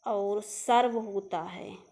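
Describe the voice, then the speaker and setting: A young woman, a Hindi teacher, runs an exam-prep spelling lesson, drilling words one by one and posing rhetorical questions. Her mid-range voice is dark, and she speaks extremely slowly.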